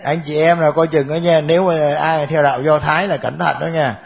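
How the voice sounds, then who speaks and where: A man's voice: on the high side, steady tone, brisk, creaky, some chatter behind. Bible teacher guy, jokey, laughs a lot w the class. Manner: joking, laughs often with the class.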